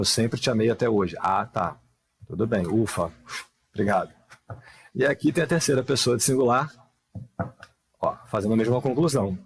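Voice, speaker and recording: A man teaching English grammar in a live online lesson, explaining patiently with many rhetorical questions and reading the English examples slowly and carefully. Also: on the low side, gravelly, slight background noise.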